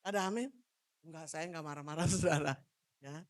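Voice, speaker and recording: A woman pastor from Manado giving a loud, animated sermon, joking with the congregation and moving about as she preaches. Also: low voice, fairly quick. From Manado, Indonesia. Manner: jokes with the congregation. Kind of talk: lively sermon.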